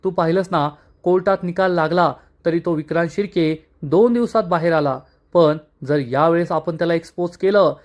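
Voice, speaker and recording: A man voicing a resolute young woman in a serial recap, calming a frightened friend with firm, steady words. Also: fairly high pitch, normal speed, hardly any pauses, natural voice. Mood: determined. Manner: firm, soothing, determined.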